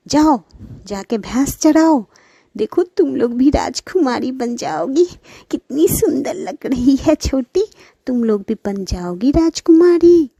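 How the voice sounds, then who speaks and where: A bossy, greedy cartoon mother nags her lazy daughters, as a woman voices her. The voice is high and slow, and the recording is dry. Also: expressive, warm tone, no echo, heavily acted. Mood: scolding. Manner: scolding, nagging.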